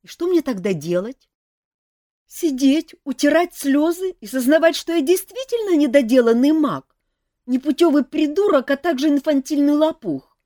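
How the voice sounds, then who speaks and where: A woman's voice: high voice, lively intonation, moderate pace, mellow, no room sound, studio quality, voice pushed up. A woman voicing a young male elf prince who talks in an earnest, pleading way.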